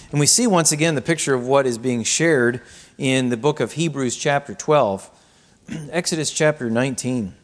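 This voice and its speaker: A man's voice: mid-range voice, measured pace, long pauses. Male pastor preaching, mid-range voice, scripture reading and rhetorical questions. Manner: reads scripture aloud, then reflects with rhetorical questions. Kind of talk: sermon.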